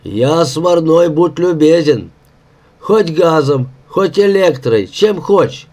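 A man voicing a drunken, boastful old welder with a hoarse, growling voice torn from deep inside. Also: animated, slow pace. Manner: rustic boasting, shouting. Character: old male welder, drunken, blustering, toothless. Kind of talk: audiobook character voice.

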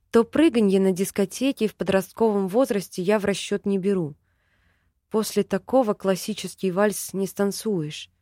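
A woman's voice: medium pitch, mellow, no echo, clean studio sound. A woman narrating a first-person novel in an emotive storytelling manner. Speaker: audiobook narrator.

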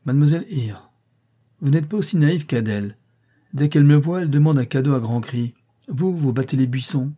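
A man reading the part of a curt, impatient middle-aged gentleman in an audiobook. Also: mid-range voice, animated, brisk, close to an everyday voice. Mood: gruff, curt. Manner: curt and gruff.

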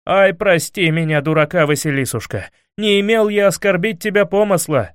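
A man voicing a brash, foolish young hero in an audiobook, prone to loud, excitable outbursts. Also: a little high, normal speed, dry recording, studio quality, lightly acted. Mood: indignant. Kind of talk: audiobook character voice.

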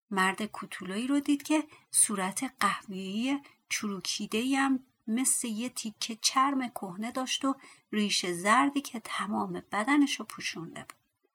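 A woman's voice: medium pitch, bright, forceful tone, breathy edge. A woman narrating a fairy tale audiobook expressively, dropping to a whisper at tense moments. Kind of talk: storytelling narration.

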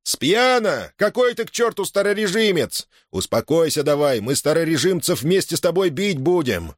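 A man's voice: fairly high pitch, sing-song, normal speed, dry recording, studio quality, voice pushed up. Urging village peacemaker, voiced by a male reader. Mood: pleading. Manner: pleading, urging. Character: calm peacemaking village man.

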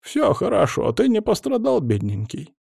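A man's voice: a little high, sing-song, a little slow, creaky, darkish tone, slightly rough, dry recording, pitched above the performer's own voice, full character voice. A fretful old grandmother from an audiobook, lamenting and doting in a raised, fluttering voice, as a male narrator puts her on. The sound is close and dry. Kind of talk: audiobook character voice.

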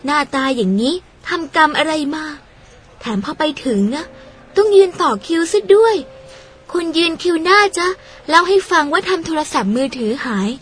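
A chatty, spirited young woman, played by a woman in an audio drama. Her voice is very high, and she tells stories in a lively, polite, gossipy way. Faint music sits behind her.

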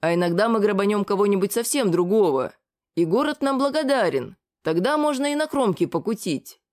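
A woman's voice: medium pitch, animated, fairly quick, darkish tone, close to an everyday voice. Laid-back sailor, indifferent drawl, put on by a female reader. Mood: lazy explaining. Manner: lazy, indifferent. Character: laid-back male sailor, bookish and unhurried.

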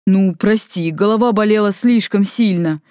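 A woman's voice: mid-range voice, normal speed, warm tone, no echo, studio quality, natural voice. A woman doing a wry teasing male demon.

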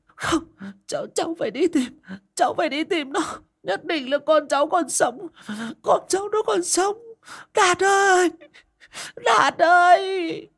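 A woman's voice: extremely high pitch, measured pace, a bit bright, exaggerated voice. A woman voicing a heavy, grief-stricken village mother who wails and sobs frantically while crying. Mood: sobbing denial. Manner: wailing, sobbing, frantic.

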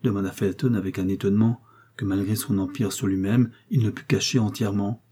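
Man reading with dark husky voice. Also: fairly low pitch, steady tone, fairly quick. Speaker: audiobook reader. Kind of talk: audiobook narration.

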